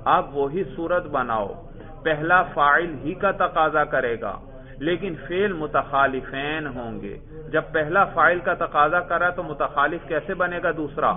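A man from Pakistan teaching Arabic grammar at a seminary. He runs the class with patient, rapid questions to his students. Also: a little high. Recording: tinny phone-like lo-fi recording.

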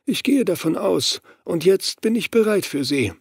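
A male audiobook reader voicing a sinister cursed man who is slowly turning into a ghost, speaking softly and slowly with an eerie grin. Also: high-pitched, animated, gravelly, husky, no room sound, studio quality, voice pushed up, full character voice. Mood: menacing. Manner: soft, slow, creepy whispering tone.

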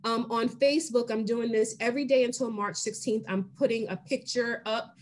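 A woman in her late forties, a guest on a video call, talking in an animated, emphatic way and laughing easily. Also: fairly high pitch, moderate pace. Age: 40s. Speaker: guest, brand founder. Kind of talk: casual video-call conversation. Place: home room.

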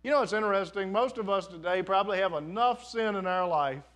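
Man, pastor, high voice, conversational earnest sermon, folksy asides, live in a church. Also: a little fast, fairly bright tone. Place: church sanctuary.

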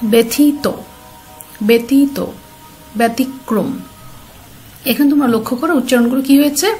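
Patient woman teacher, higher voice. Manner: clear, patient, addresses students directly with questions. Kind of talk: slide-based pronunciation lesson.

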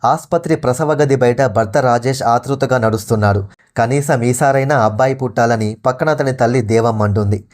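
A man reading a scripted dramatic story aloud as storyteller, in a steady, plain manner. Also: mid-range voice, fairly quick.

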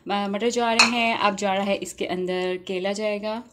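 A woman with a medium-pitched voice and fairly even intonation chats her way through a casual recipe demonstration as a home cook, mixing in English phrases. She talks at a normal speed, and kitchen clatter creates noticeable background noise.

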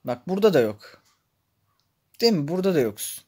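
A man giving gameplay commentary, exasperated and complaining, swinging between tired muttering and loud outbursts. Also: a little high, big pitch swings, a little fast, husky. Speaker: gaming YouTuber.

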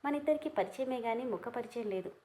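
A woman's voice: on the high side, fast, mellow, voice pushed up, natural voice. A woman voicing a male gang leader who gloats and mocks a crying mother. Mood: gloating. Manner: mocking, gloating.

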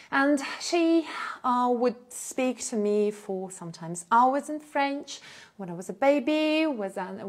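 Seated indoors in front of a plain blue backdrop with a small clip-on lapel mic, a woman whose native language is Russian hosts a live stream in a mid-range voice. She recounts her own story in a casual, animated manner, gesturing often and filling her speech with fillers and short laughs.

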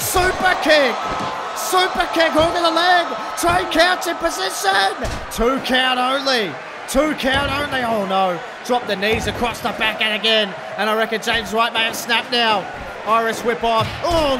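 Brief: high, shouting man calling wrestling play-by-play over loud crowd and game noise. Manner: shouting, excitable calls. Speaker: wrestling commentator. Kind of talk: excitable play-by-play game commentary.

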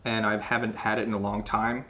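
A man's voice: lowish voice, level tone, fairly quick, a bit bright, a little hiss or hum. A man co-hosting a snack taste-test video in casual chat, joking and laughing often. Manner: playful, laughs often, jokey.

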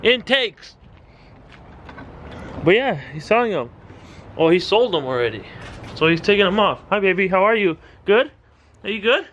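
A man's voice: high-pitched, lively intonation, brisk, a bit bright. Joking young man vlogging outdoors. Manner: joking, slangy, calls himself "your boy". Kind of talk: casual vlog chat. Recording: outdoor street noise.

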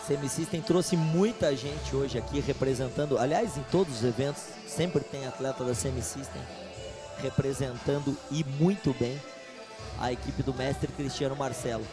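A man's voice: medium pitch, normal speed, music in the background. A man with a Brazilian accent doing informal, slangy live commentary on an MMA fight.

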